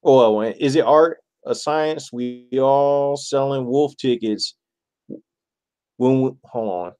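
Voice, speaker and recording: A man's voice: medium pitch, takes it slowly. A man co-hosting a casual livestream chat, reading comments aloud over a remote call line that clips and breaks up. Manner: laid-back, swearing freely. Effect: clipped, breaking-up call line. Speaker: co-host reading live chat. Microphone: remote call audio.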